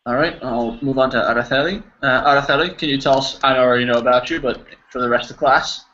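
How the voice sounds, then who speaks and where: Talking fast with a pushed, bright tone at medium pitch, an American man from the United States runs an online English class for a group. He's informal and encouraging in this casual instruction, though the video call audio comes through dull and noisy.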